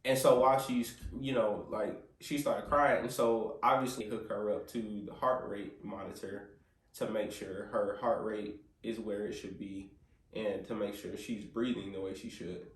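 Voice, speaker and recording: In a roomy recording made at a distance from the mic, a man earnestly tells the story of his baby's birth. He quotes himself and the nurses along the way and prays aloud. His pitch is fairly low, his tone steady, and his pace measured.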